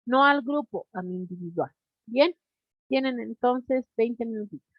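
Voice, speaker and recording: A woman teaching an online class over a video call, deliberate, constantly checking in with her students. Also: on the high side, lively intonation, no room sound. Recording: dull lo-fi online class audio.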